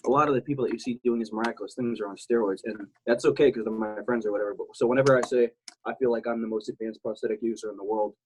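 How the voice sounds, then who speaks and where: A man's voice: mid-range voice, fairly even intonation, very fast, a little mellow, a little hiss or hum, poor audio. A man from South Texas talking casually as a podcast guest, candid and rambling, swearing freely. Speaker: guest, military veteran.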